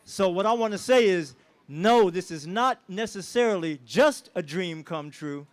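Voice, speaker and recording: A man with a high voice speaks to a crowd outdoors, honoring a parent. He is emotional but rousing, and he works the audience with call-and-response questions. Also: lively intonation, measured pace. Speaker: family member giving a tribute speech. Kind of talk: public speech at an outdoor celebration. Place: outdoors at a street celebration.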